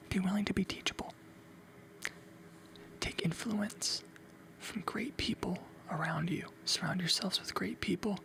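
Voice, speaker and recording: An ASMR host speaks in a crisp, bright whisper with crackly creak at its edges. The delivery is motivational and encouraging, with phrases repeated again and again in a breathy, unvoiced tone. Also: medium pitch.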